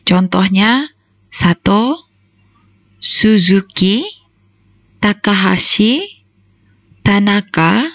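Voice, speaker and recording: A woman teaching a recorded language grammar lesson, explaining slowly and carefully step by step. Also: medium pitch, dry recording. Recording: dull lo-fi voice-over.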